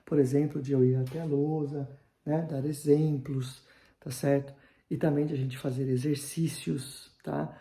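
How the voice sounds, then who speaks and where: A man teaching a grammar lesson online, checking in constantly with his viewers and slowing right down to spell out example sentences. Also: a little high, flat delivery, warm tone, echoey room. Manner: checks in with "tá?" after nearly every phrase, slows down for examples. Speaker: German teacher.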